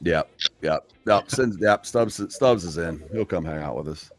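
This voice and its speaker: A man's voice: low voice, expressive, measured pace, no echo. A man in his fifties hosting a casual charity livestream chat, laid-back and drawling, calling people man and dude. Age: 50s. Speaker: stream host.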